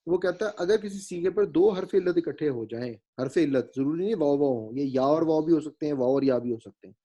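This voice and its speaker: In a grammar lecture, a man with a fairly high, warm voice patiently explains, slowly spelling out vowel marks. He checks often that his students follow and mixes in English words.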